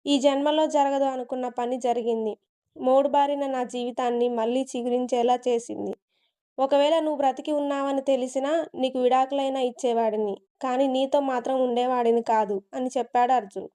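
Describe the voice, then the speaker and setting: A brooding young husband from a told story, fiercely devoted and intense. A woman reader voices him in her own high, clear voice. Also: steady tone, normal speed, mellow, natural voice. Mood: heartfelt.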